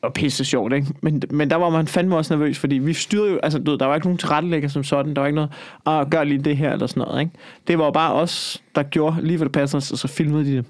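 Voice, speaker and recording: A Danish-sounding comedian man co-hosting a podcast, talking in a lively, swearing, repetitive way. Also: on the high side, no echo, studio quality. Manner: animated, swears freely, repeats himself. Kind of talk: casual podcast chat.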